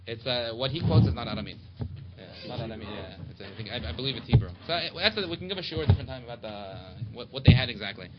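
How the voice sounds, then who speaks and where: Leading a small study group through Torah, a medium-voiced man chats at a quick clip and reads aloud from Hebrew and Aramaic texts. The audio sounds lo-fi and muffled under constant background noise.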